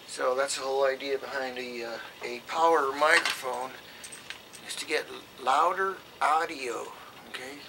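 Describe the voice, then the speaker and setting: Very bright, forceful man explaining things. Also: mid-range voice, a little hiss or hum, rough recording. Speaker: presenter explaining CB radio gear. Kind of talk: informal explanatory talk.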